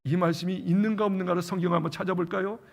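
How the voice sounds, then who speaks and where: A pastor preaching a sermon in an animated way. He fires questions at the congregation and calls for amens. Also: high voice, very fast. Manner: animated, asks the congregation questions and answers them. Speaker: senior pastor. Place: church sanctuary.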